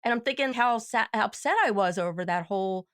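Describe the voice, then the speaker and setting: A woman's voice: medium pitch, a little fast, a bit bright, clean tone, dry recording, studio quality. A woman guest on a podcast who tells her story animatedly and acts out both sides of each conversation. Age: adult with children. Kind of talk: storytelling in casual chat.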